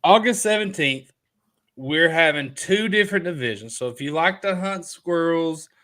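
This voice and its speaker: A man's voice: fairly high pitch, animated, normal speed, sharp tone. A man hosting a casual livestream, talking loosely, reading viewer comments aloud and jumping from topic to topic. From Kentucky. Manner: loose and talkative, reads out viewer comments, jumps between topics. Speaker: livestream host. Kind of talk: casual live chat.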